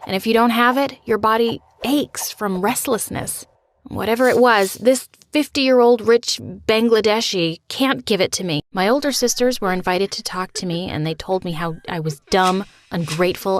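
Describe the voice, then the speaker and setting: A woman's voice: medium pitch, moderate pace, dry recording. A woman narrating a dramatic personal story in a scripted, earnest way.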